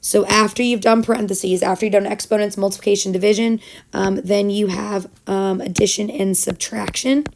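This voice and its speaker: A middle-aged woman teacher with a hoarse, swallowed, froggy voice that is giving out, explaining a recorded lesson informally and step by step. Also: mid-range voice, little pitch movement, moderate pace, a little mellow. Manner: instructive, step-by-step. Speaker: school math teacher.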